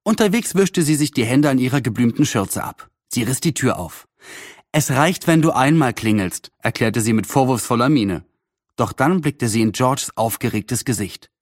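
A man narrating a children's storybook in an expressive, lively way. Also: medium pitch, moderate pace, no room sound, studio quality.

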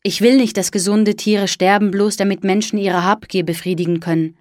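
A woman reading the lines of an earnest, gentle young man in an audiobook, speaking softly and sincerely. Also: medium pitch, steady tone, moderate pace, dry recording, studio quality, lightly acted. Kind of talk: audiobook dialogue.

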